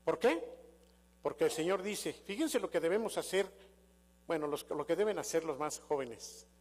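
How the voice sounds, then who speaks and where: Older Mexican pastor, high voice. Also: male voice, expressive, moderate pace, darkish tone. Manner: conversational storytelling, rhetorical questions to the congregation. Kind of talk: sermon. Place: church sanctuary. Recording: long reverb of a church hall.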